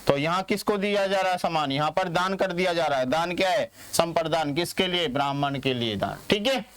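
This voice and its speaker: A man from India teaching a grammar lesson, who asks questions and answers them himself and repeats words slowly. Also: a little high, fairly bright tone, clear, resonant tone, no echo.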